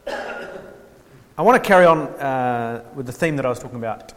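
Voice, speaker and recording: Speaking at a mid pitch, a New Zealand theology workshop speaker gives a laid-back, informal lecture. His talk is dotted with ums, restarts and dry jokes at his own expense. His voice rings with a long reverb from the hall.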